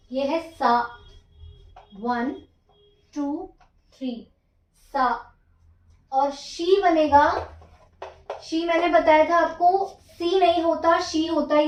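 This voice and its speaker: Slow, patient woman teaching writing. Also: sits high, echoey room. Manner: counts strokes aloud slowly, patient. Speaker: Japanese teacher. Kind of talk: slow stroke-by-stroke writing lesson.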